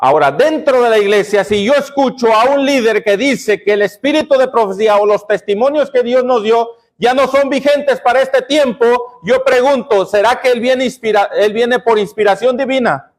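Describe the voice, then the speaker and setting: Here the male pastor's voice is very high and his pace moderate. His sermon runs on call-and-response, as he constantly poses questions to the congregation and responds to them himself.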